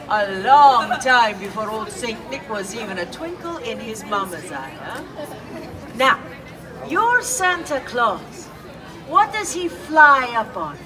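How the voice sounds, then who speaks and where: A woman's voice: on the high side, big pitch swings, takes it slowly. A woman playing a kindly old Italian witch who brings gifts, speaking with a put-on Italian accent in a playful, coaxing way and asking children questions as she tells a story. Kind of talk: live in-character storytelling. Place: outdoors in a public urban space. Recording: distant outdoor recording with crowd.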